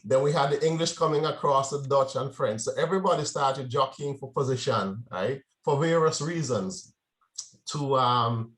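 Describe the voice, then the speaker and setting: Speaking at a moderate pace in a mid-range, slightly bright voice, this Jamaican man delivers a casual talk to a club. He keeps it conversational and often pauses to check in with the audience, tossing in "right?"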